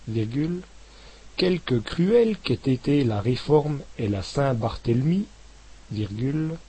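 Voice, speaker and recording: A man reading a dictation aloud slowly, articulating each word and saying the punctuation marks in a lower voice. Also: mellow, husky, poor audio. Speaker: dictation reader. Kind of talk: slow dictation with spoken punctuation.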